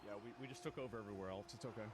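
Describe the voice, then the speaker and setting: A man's voice: fairly low pitch, very fast, noisy background. A man streamer reacting to a clip on a live stream, heated and profane, repeating himself as he rants.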